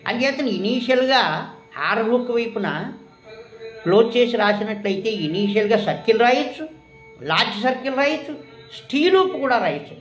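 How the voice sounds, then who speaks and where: Female shorthand teacher with a high voice, quizzing in a classroom style; roomy echo, light music bed. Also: expressive, brisk, long pauses. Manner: quizzing, asks questions and answers them herself. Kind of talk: classroom lesson.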